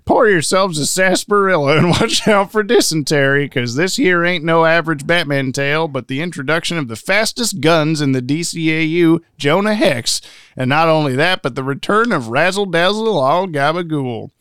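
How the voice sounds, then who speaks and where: A man's voice: fairly high pitch, lively intonation, moderate pace, fairly bright tone, clear, resonant tone, no room sound, studio quality. A man voicing a folksy old male Western prospector as a comic bit on a podcast, with a drawling, hammy old-timey twang. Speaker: podcast co-host.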